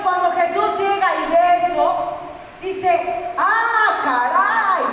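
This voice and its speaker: Echoey high-voiced woman preacher. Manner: questioning the congregation, lively storytelling. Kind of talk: sermon. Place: church hall. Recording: echoey hall from far off, faint noise.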